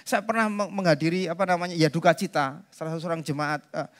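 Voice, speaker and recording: A man's voice: a little high, fairly even intonation, quick pace. A man preaching a sermon as pastor, talking conversationally to the congregation and slipping into asides. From Indonesia. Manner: conversational preaching, addresses congregation directly, drops into Javanese asides.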